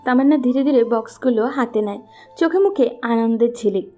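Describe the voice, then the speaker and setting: Light music accompanies a woman narrating a scripted story at a fairly quick pace. Her voice is fairly high and soft in tone.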